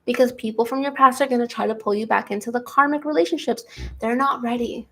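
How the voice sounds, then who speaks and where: Young woman tarot reader with a highish voice, bubbly and earnest, laughs easily and hammers home her points. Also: fast. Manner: giddy and excitable, breaking into laughs; earnest, repeats key lines for emphasis. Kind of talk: collective tarot reading to camera.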